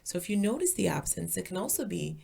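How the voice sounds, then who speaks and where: In her role as a meditation teacher, a woman guides listeners with a lowish, soft, breathy voice. Her pacing is deliberate and her manner calm and soothing.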